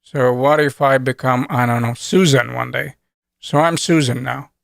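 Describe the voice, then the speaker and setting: A man's voice: mid-range voice, steady tone, normal speed, vocal fry, fairly bright tone, no echo, studio quality. A man teaching programming in a screen-recorded tutorial, talking casually and thinking aloud as he types code. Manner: conversational, thinks aloud while typing code. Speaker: programming instructor.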